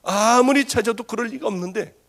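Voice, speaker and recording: A woman's voice: on the high side, a little fast. A woman pastor giving a sermon testimony, telling her story with strong feeling and a voice that rises when she grows agitated.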